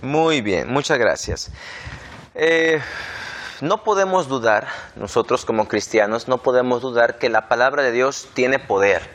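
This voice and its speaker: A young adult man hosting a relaxed panel discussion, earnest and measured, repeating points for emphasis. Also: mid-range voice. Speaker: host.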